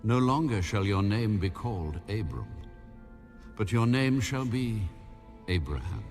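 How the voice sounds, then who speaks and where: A man playing a solemn, commanding God in a dramatized audio Bible, speaking slowly and with authority. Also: fairly low pitch, lively intonation, darkish tone. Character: Almighty God, solemn, commanding ancient male deity. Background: background music.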